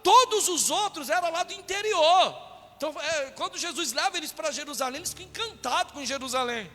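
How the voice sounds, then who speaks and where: A man from Brazil, a pastor preaching a sermon with animated delivery, acting out quotes in a raised voice. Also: very high-pitched, a little fast. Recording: long hall reverb with faint music.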